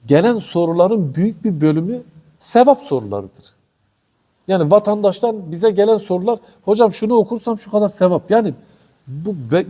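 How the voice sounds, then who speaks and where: A man preaching religious commentary in a fiery, indignant way, firing off rhetorical questions at his listeners. His voice sits high for a man, with a dark, mellow tone. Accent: Turkish. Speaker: Quran commentary teacher. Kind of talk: passionate religious commentary talk.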